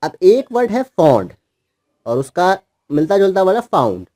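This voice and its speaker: Lively man teaching kids English words. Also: sits high, normal speed. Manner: spells words out letter by letter; patient, repetitive teaching. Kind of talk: explaining word meanings to children.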